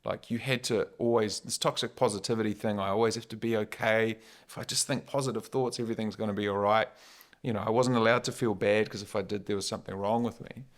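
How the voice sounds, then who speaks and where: A man with a New Zealand accent talking casually and reflectively as a podcast guest, in a wry, informal, philosophical way. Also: on the low side.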